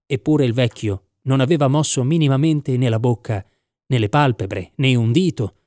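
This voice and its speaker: A man reading a first-person story as an audiobook narrator, measured and reflective. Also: medium pitch, mellow, no room sound, clean studio sound.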